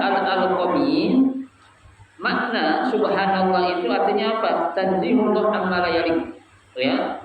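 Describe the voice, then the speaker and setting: A man's voice: high voice, background noise. A man teaching a religious study group, asking the audience questions and chanting Arabic phrases in a sing-song. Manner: asks the audience questions and lets them answer. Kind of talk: Islamic study lesson to a live group. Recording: echoey room, voice from far off, dull sound.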